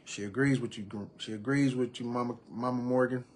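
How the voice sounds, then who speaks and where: A man's voice: mid-range voice, fairly even intonation, a little fast, a little hiss or hum. A man in his thirties hosting a live podcast, talking casually and reading viewers' comments aloud. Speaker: podcast host. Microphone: computer or phone mic on a live stream.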